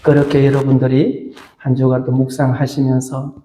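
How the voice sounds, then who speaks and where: A male pastor preaching a sermon. He is animated, puts questions to the congregation and laughs often. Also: mid-range voice, normal speed, a little hiss or hum. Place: church sanctuary. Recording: echoey church hall.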